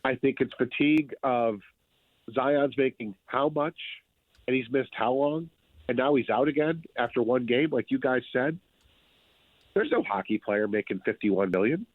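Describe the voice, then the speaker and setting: Over a thin, phone-like line, a man with a mid-range voice offers conversational sports commentary as a guest sports writer. He speaks at a moderate pace and emphatically, repeating phrases for effect, and the recording is dry.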